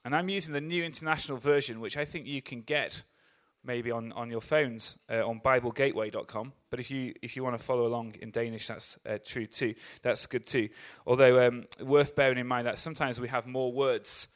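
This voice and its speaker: A man's voice: medium pitch, steady tone, brisk, few pauses. An English man preaching a sermon, talking to a crowd in a chatty way with joking asides and acting out voices as he goes. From England. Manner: acts out optimists' voices with rising energy.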